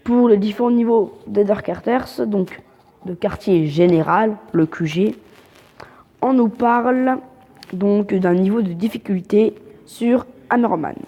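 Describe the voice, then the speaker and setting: A woman's voice: medium pitch, measured pace, dark tone, long reverb tail, highs cut off. A woman hosting casual game update commentary, hesitant and full of fillers and restarts, with a French accent when reading English. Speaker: gaming channel host.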